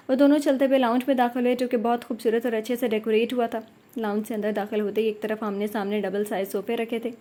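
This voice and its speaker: A woman narrating an audio novel in a steady, unhurried reading voice. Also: fairly high pitch.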